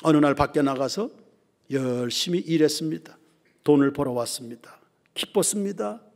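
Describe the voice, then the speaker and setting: A male pastor preaching a sermon, swinging from ringing emphasis down to hushed near-whispers. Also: medium pitch, normal speed. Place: church sanctuary. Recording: reverberant church hall.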